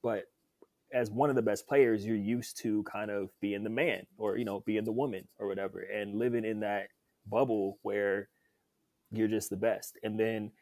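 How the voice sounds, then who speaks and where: A man's voice: lowish voice, fairly even intonation, normal speed, darkish tone, no echo. A young man, a podcast guest and former football player, telling his story in an upbeat, chatty way. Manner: upbeat, chatty, laughs easily. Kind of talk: casual interview storytelling.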